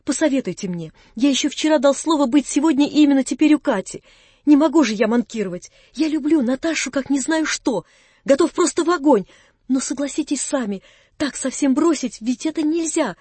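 Excitable young lover, high and gushing, read by a woman narrator for an audiobook. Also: a little fast, no room sound. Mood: pleading. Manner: breathless, rapturous, high-pitched pleading. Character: excitable, impulsive young man in love.

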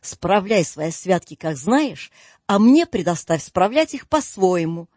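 A cranky old skinflint snaps and grumbles, played by a male reader. The voice sits low and husky, clipped and scornful, in a dry, close audiobook recording. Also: big pitch swings, unhurried, a little mellow, no echo, heavily acted. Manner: grumbling, curt, indignant. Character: grumpy miserly old man, scornful. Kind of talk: audiobook reading.

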